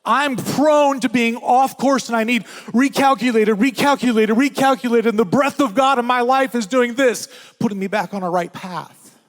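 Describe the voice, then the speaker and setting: An older man preaching at a conference, swinging from loud urgent passages to hushed, almost whispered ones. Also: extremely high pitch, moderate pace. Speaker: pastor. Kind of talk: conference sermon. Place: large hall at a conference. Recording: reverberant hall.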